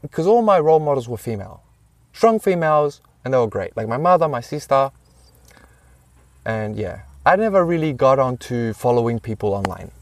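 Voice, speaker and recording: A man's voice: medium pitch, expressive, moderate pace, pauses often, dry recording, distant mic. A man, the guest, telling a rambling personal story in casual talk, swearing freely and using many fillers.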